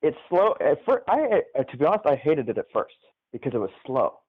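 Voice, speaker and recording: Very animated and brisk, a man with a slightly high, husky voice calls into a gaming livestream to chat and look back on old times. The live call has a thin, band-limited, phone-like sound.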